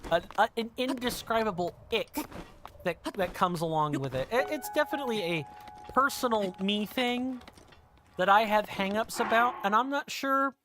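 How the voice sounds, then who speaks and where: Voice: mid-range voice, lively intonation, moderate pace, pushed and bright, a little hiss or hum. A streamer in their thirties from the United States, chatting casually while playing a game and rambling, correcting themselves and musing aloud. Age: 30s. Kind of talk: casual let's-play chat.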